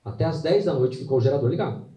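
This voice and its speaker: A man giving a live inspirational faith talk, telling his story earnestly with dramatic pauses. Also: medium pitch, lively intonation, dark tone, dull audio. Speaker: motivational faith speaker. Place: hall with an audience. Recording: roomy hall, mic at a distance.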